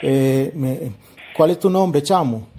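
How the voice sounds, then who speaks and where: A man with a Venezuelan accent, a channel host, makes a prank phone call, pleading hesitantly while playing it straight and repeating "chamo." His voice is a little high and slow. The phone prank recording is very noisy.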